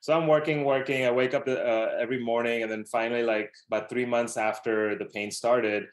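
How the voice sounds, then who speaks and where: This podcast guest, a thirties-aged man from Dubai, shares his life story in a relaxed, rambling interview peppered with fillers. His voice has medium pitch and fairly even intonation, and he talks fairly quickly.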